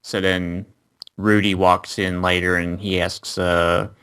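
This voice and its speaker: Male co-host, deep voice, casual anime recap, lots of "uh" and restarts. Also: level tone, slow, fairly bright tone, clean tone. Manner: plot recap with fillers and restarts. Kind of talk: casual review chat.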